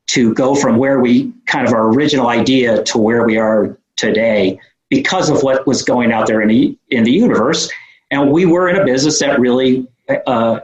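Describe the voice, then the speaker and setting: A man's voice: mid-range voice, muffled recording. New York man, echoey room. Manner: rambling, frequent fillers and restarts. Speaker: podcast guest, entrepreneur. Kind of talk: casual interview conversation.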